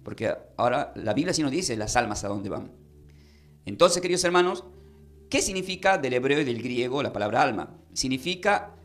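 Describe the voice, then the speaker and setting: A man preaching a Bible-study sermon, explaining verses and having his listeners repeat his phrases. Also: medium pitch. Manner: teaching, asking the congregation to repeat phrases. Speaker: pastor.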